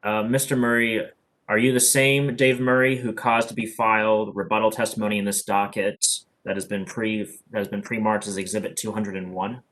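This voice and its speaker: Casting: man, lawyer at a hearing, lower register, formal and a little halting. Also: flat delivery, a bit bright. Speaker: attorney for public counsel. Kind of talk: formal witness examination.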